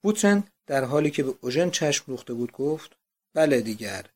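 Brief: male narrator, expressive, measured literary reading. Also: fairly high pitch. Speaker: audiobook narrator.

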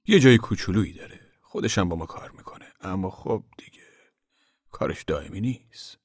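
A man's voice: low-pitched, animated, husky, dry recording, clean studio sound, heavily acted. A man voicing an older, weary farm worker and father who talks in a bitter, worn-down way.

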